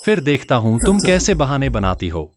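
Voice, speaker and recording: A man's voice: medium pitch, sing-song, normal speed, a little hiss or hum, lightly acted. An actor playing a suspicious, angry husband who accuses his wife of cheating. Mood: bitter. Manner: accusing, agitated. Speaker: jealous husband.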